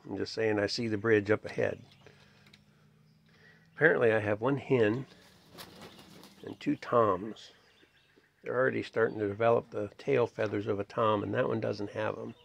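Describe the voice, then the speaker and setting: A man's voice: on the low side, normal speed, gravelly, pauses often, a little hiss or hum. A man, chatting casually as he films his farmyard on a phone and talks to the animals. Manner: relaxed, folksy, talks to animals. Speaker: homestead vlogger. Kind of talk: casual narration while filming. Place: outdoors in a farmyard by a shed. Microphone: phone camera held by the filmer. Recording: dull lo-fi phone audio outdoors.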